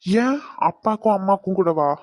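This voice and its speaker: A woman voicing a slow-witted young son who keeps asking puzzled questions. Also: mid-range voice, lively intonation, a little mellow, no echo, studio quality, pitched below the performer's own voice, close to an everyday voice. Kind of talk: cartoon dub voice acting.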